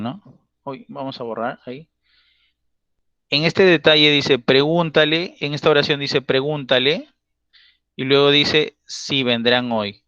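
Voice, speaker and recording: A man teaching a grammar class online, explaining patiently and checking often with quick tag questions. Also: mid-range voice, sharp tone, clear, resonant tone, dry recording, highs cut off.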